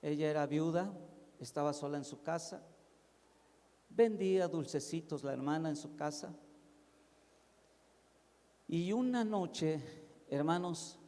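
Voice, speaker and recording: A man's voice: a little high, mellow, in a large hall. A man with a Mexican Spanish accent, a pastor telling a story in a sermon, acting out the dialogue and calling his listeners "hermanos". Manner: vivid storytelling with quoted dialogue, addresses audience as hermanos. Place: church sanctuary.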